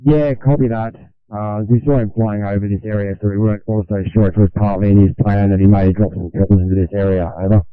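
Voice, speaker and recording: A man's voice: lowish voice, fairly even intonation, fast talker, clean tone, dry recording. A man passing procedural emergency messages over a two-way radio. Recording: narrow-band dry radio transmission.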